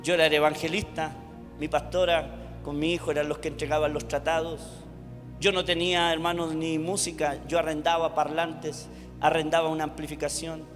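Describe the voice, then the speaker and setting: A middle-aged man with a Chilean accent preaching a sermon to his congregation, rising to shouts. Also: a little high, in a large hall. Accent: Chilean Spanish. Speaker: pastor. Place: church hall.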